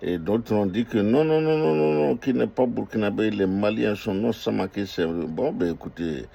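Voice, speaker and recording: Older guy ranting about politics, deep husky voice, lots of euh and repeating himself. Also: normal speed, warm tone. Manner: emphatic, repetitive declarations with hesitant fillers. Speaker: restaurant owner speaking out on politics. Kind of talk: impassioned political monologue.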